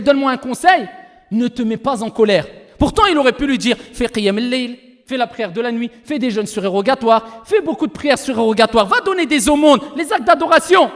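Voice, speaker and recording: High-pitched French-speaking preacher in a reverberant hall. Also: male voice. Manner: animated, swings between loud emphatic bursts and quiet low asides; mixes Arabic religious phrases into French. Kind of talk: sermon.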